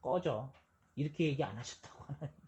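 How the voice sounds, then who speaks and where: A man's voice: medium pitch, animated, moderate pace, a little mellow, highs cut off. Man preaching in a casual, blunt way. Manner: conversational preaching, mixing formal and blunt speech. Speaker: pastor. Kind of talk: sermon.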